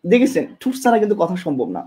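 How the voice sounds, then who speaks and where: A man's voice: sits high, big pitch swings, rapid-fire, mellow. A man teaching an online exam-prep class, often repeating himself and asking students questions, recorded by a camera mic in a classroom with a board. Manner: demonstrates with tongue and lips.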